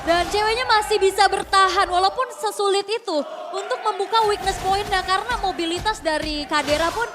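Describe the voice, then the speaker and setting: A woman's voice: very high-pitched, a little fast, music in the background. A woman working as an esports caster, explaining the plays in game commentary.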